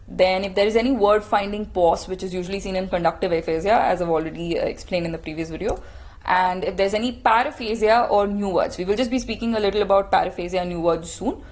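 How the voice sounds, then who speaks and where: Woman, medical lecturer, patient explanatory tone, rhetorical questions, mid pitch. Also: a little mellow. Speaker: clinical lecturer.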